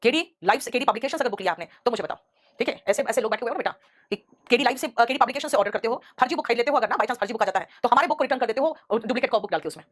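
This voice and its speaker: A woman's voice: on the high side, racing. A middle-aged woman teaching English grammar in a live online class, calling her students "beta", repeating each rule and breaking into scolding asides. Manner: repeats rules, mixes Hindi with English examples.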